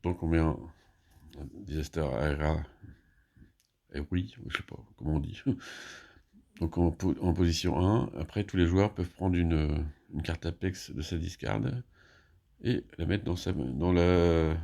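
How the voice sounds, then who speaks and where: A man's voice: deep voice, a little slow, gravelly, pauses often, warm tone. A man casually explaining his moves in a solo board game, thinking aloud with many hesitations and restarts.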